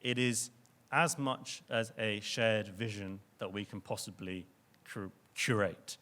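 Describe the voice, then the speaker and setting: Man, young adult, lowish voice, conference talk, earnest, restarts and repeats words. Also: steady tone, slow, a bit bright. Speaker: conference speaker. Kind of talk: conference presentation. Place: lecture venue with audience.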